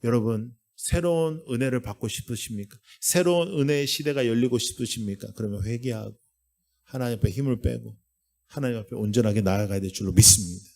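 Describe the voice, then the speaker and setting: Middle-aged guy pastor giving a lively revival sermon in church, jumps around in pitch, gets the crowd to repeat after him. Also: fairly quick. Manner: animated, acts out voices, calls for congregation to repeat. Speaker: guest pastor. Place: church sanctuary.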